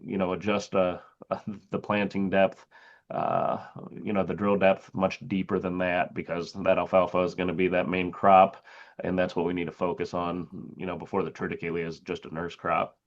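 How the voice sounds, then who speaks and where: A man's voice: sits low, flat delivery, normal speed, dull audio. A man presenting on a video call as a seed company sales agronomist, speaking with many hesitant fillers. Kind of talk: presentation with slides.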